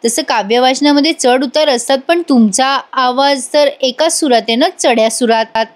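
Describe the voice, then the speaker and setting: A woman's voice: high voice, normal speed, close to an everyday voice. A woman voicing an earnest young woman student and canteen worker who speaks in a pleading way.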